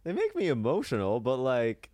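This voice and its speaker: Young guy podcast cohost, deadpan jokes, voice jumps all over, dry close mic. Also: medium pitch, moderate pace, dry recording. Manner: deadpan teasing, swoops up in mock surprise. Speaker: podcast co-host. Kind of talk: casual chat.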